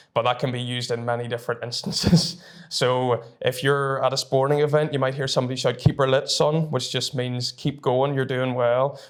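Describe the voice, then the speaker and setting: A man in his early twenties from Northern Ireland with a Northern Irish accent, talking casually and chattily to camera as a student presenter. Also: medium pitch. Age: early 20s. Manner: informal, chatty.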